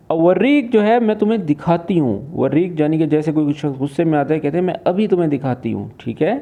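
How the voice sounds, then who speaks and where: High-voiced man explaining phrases, phone-like sound. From Pakistan. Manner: repetitive, patient explaining. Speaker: Arabic teacher.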